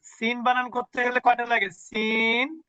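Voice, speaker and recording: A man's voice: extremely high pitch, completely flat delivery, a little slow, sharp tone, clear, resonant tone, no echo. A man teaching a Quran recitation lesson online. He poses questions and answers them himself, over dull, dry video call audio.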